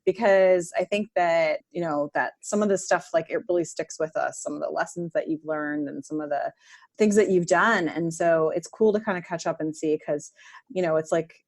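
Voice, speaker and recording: A woman with a deep voice hosts a podcast, chatting casually with guests over a video call at a moderate pace. She asks warm-hearted questions and fills her casual interview talk with frequent "like"s.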